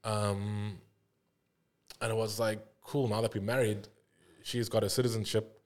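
A man's voice: fairly low pitch, little pitch movement, a little slow. A young South African man, a podcast guest, chatting in a laid-back way, laughing often and trailing off mid-sentence. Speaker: guest, illustrator and art director. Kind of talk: casual podcast chat.

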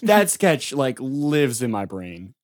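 Male co-host, casual and halting, mid-pitched, dry close sound. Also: no room sound. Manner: relaxed, hesitant, many fillers. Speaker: podcast co-host. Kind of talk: casual chat.

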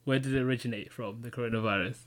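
A man's voice: mid-range voice, fairly even intonation, very fast. A young man, chatting casually as a podcast panellist. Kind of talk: casual chat.

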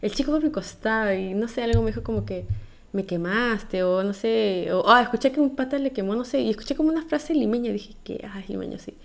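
Peruvian woman telling a lively story. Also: fast talker, gravelly, hardly any pauses. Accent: Peruvian Spanish. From Peru. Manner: lively, acts out quoted lines with rising pitch. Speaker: podcast storyteller. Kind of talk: casual storytelling chat.

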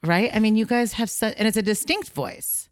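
A woman's voice: on the high side, normal speed. An American woman hosting a podcast, interviewing her guest in a casual, chatty way. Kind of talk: casual chat.

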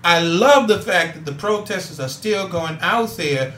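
A man's voice: high-pitched, expressive, unhurried, a bit bright. A man hosting a casual talk show who gets preachy and hammers his points with repeats. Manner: preachy, building to emphatic repeats. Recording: echoey room.

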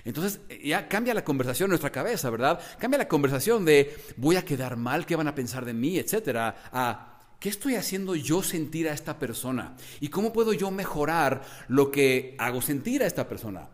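A young man coaching social skills in a lively, expressive teaching monologue that varies his tone and volume. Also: on the high side, moderate pace. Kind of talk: motivational teaching monologue to camera.

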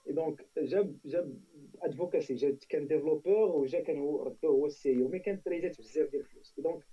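Moroccan-accented man, casual tech panelist, very rapid and soft-edged, slightly husky, mixes in French, distant dull mic. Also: on the high side. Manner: emphatic, repeats phrases, switches into French.

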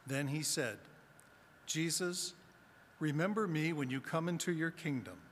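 Deacon with cathedral echo, slow and measured. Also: male voice, fairly high pitch, animated, fairly bright tone. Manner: measured, deliberate delivery. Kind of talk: gospel reading and homily. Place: large church. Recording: long church reverb, faint room noise.

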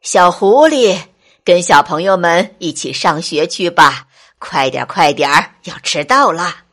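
A woman voicing an old bearded male goat schoolteacher in a bedtime storybook, speaking in a slow, lowered, weighty teacherly tone. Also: lively intonation, creaky, a bit bright, slightly rough, exaggerated voice. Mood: calling loudly.

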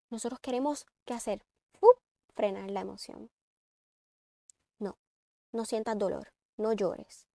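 A woman's voice: a little high, no echo, studio quality. A woman giving earnest parenting advice in a reflective talk. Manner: earnest, advising, shifts between calm and emphatic. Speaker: parenting speaker.

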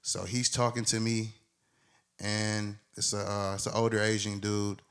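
A man in his twenties, a podcast co-host, telling a long story in a casual, animated way and acting out the people in it. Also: lowish voice, a little slow.

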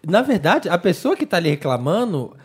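A Brazilian woman guest on a casual podcast, playful and expressive. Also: on the low side, a little fast, breathy edge. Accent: Brazilian Portuguese. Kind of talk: casual chat.

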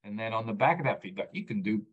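A man's low-ish, animated voice comes through fast and breathy on a muffled recording. The guest in this conversational podcast interview, he founded a data platform and has an Egyptian background but was raised abroad; he earnestly describes his data work, restarting often and repeating his main points.

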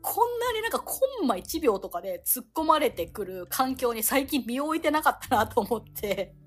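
A very talkative woman in her thirties co-hosting a casual podcast chat. Her voice is a little husky and sits somewhat high, swinging up and down with animated energy. Faint music plays underneath. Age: 30s. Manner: very talkative, rapid storytelling. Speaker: podcast co-host.

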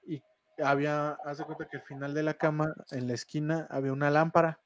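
A man's voice: a little high, flat delivery, brisk, noisy background. A man with a Mexican Spanish accent, co-hosting a casual podcast chat and telling a ghost story with slang and laughter. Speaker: podcast co-host.

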